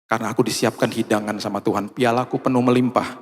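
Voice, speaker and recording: A man's voice: on the low side, steady tone, fast. A man preaching a sermon, telling a personal story and acting out the dialogue. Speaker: pastor. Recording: reverberant hall.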